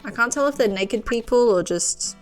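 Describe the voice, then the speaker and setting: A woman's voice: on the high side, animated, normal speed, soft background music. A young woman co-hosting a let's-play, chatting and giggling as she plays and reads the game's text aloud. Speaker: co-host playing a game. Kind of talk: casual let's-play chat.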